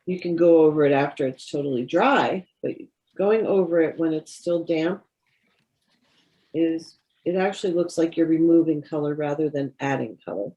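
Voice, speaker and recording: Woman, watercolor teacher, patient, practical, encouraging, slightly low voice. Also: moderate pace, dark tone, muffled recording. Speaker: watercolor instructor. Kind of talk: live painting class instruction.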